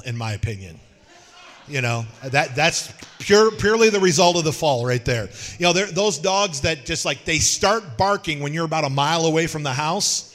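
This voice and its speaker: Joking preacher man, slightly high voice, lively storytelling sermon. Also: big-room sound. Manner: folksy, joking, animated storytelling. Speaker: pastor.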